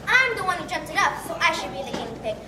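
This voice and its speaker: A very high-pitched, bold young girl adventurer acted by a woman exclaims loudly and eagerly in an amateur stage play. The sound is roomy and distant, under loud noise. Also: quick pace. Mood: eager, insistent.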